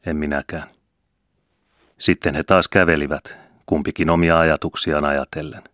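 A man narrating a novel as an audiobook reader, in a steady, measured storybook reading. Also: very deep voice, dry recording, clean studio sound. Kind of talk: scripted narration.

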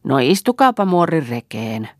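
A woman reader voicing a practical farm master who talks in a brisk, hurried way. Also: deep voice, sing-song, no room sound, clean studio sound.

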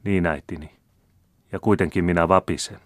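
A man reading as a grave, gentle noblewoman. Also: low-pitched, fairly even intonation, dry recording, clean studio sound, close to an everyday voice. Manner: earnest, solemn and gentle. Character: noble woman disguised as a peasant, calm and grave.

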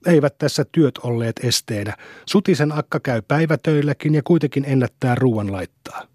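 A man's voice: medium pitch, animated, darkish tone, no echo, clean studio sound, natural voice. A man doing a sullen, grumbling farmer. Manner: grumbling, curt. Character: sullen, gruff middle-aged farmer husband.

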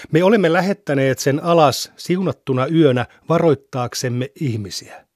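Male reader, mid pitch, measured solemn scripture reading, dry studio sound. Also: no room sound. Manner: measured, even recitation.

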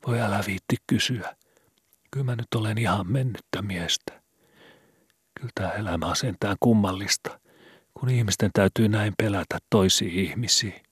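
A man's voice: fairly low pitch, husky, no echo, clean studio sound, pitched above the performer's own voice. A man voicing a frightened young street boy in old Helsinki slang, trembling and pleading.

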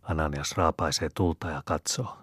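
A man reading an audiobook in a calm, measured narrating voice. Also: a bass voice, slightly rough, dry recording, studio quality. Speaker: audiobook reader.

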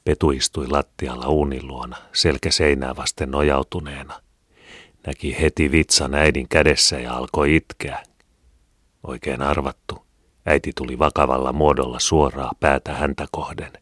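A man calmly narrating an audiobook in a measured reading voice. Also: a bass voice, no room sound, clean studio sound. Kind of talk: scripted narration.

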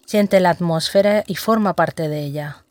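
A meditation guide with a mid-range voice narrates a sensory exercise. The phrasing is deliberate and instructional, giving one direction at a time. The sound is dry, with hardly any reverberation. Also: mid-range voice.

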